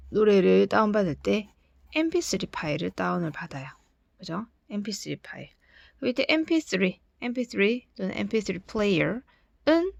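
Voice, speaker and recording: A woman's voice: on the low side, gravelly, no room sound, highs cut off. A woman teaching an English grammar lesson, explaining patiently step by step and checking in with rhetorical questions. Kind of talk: recorded lesson lecture.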